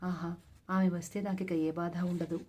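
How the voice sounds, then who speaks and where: A woman reading the part of a troubled young landlord husband in a storybook reading, halting and hesitant. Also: fairly low pitch, flat delivery, warm tone.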